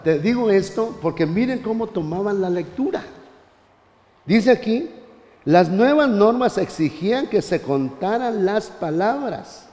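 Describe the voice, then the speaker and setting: A man teaching a church Bible class, animated, often turning to his listeners as brother. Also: sits high, long reverb tail.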